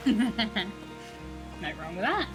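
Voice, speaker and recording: A woman's voice: medium pitch, very slow, low-quality recording. A woman streaming a video game and chatting casually, often giggling. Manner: giggly, relaxed. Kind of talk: casual gameplay chat. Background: game music.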